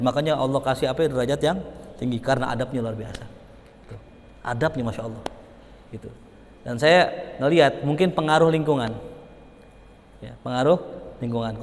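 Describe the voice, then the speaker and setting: A young man giving an informal religious study lecture, animated and chatty, acting out little dialogues and chuckling between points. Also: in a large hall, a little hiss or hum. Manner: animated, acts out dialogues with big pitch jumps, chuckles often. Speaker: religious teacher.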